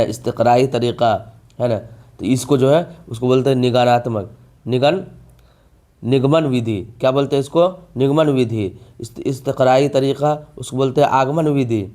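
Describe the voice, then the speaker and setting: A man's voice: mid-range voice, steady tone, mellow. A man, teaching an exam-prep vocabulary lesson, repeating each term and asking rhetorical questions. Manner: drawn-out emphasis on key words.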